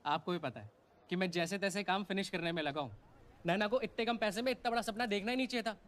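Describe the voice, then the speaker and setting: A man dubbing a film role as a defensive contractor who argues back quickly. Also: high voice, fairly bright tone. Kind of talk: Hindi film dub.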